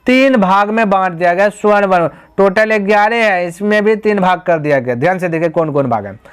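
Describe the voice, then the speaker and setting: A man with a high voice and clean tone teaches grammar. Step by step he lays out the lesson, asking rhetorical questions that he answers himself and calling his students "my brother."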